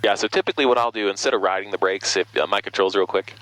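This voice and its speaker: A man's voice: on the low side, rapid-fire, a bit bright, rough recording. A man working as a flight instructor, patiently explaining procedures over a headset in a small plane cockpit. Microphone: aviation headset intercom.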